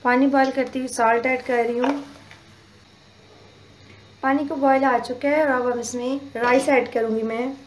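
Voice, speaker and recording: A woman, hosting a home cooking channel and explaining each step calmly in a casual voice-over. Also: high voice, normal speed, long pauses, slight background noise. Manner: step-by-step explaining, calm and homely.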